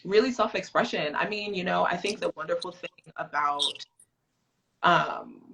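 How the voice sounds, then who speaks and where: A woman guest on a group audio call, talking in a relaxed, reflective way. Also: lowish voice, moderate pace, vocal fry, a little hiss or hum, rough recording. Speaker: guest speaker.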